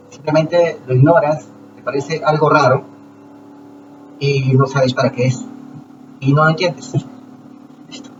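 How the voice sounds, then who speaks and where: A man talking to his viewers in a casual lecture, explaining slowly with rhetorical questions and frequent restarts. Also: fairly high pitch. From Peru. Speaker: channel host. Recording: distant lo-fi mic with noise.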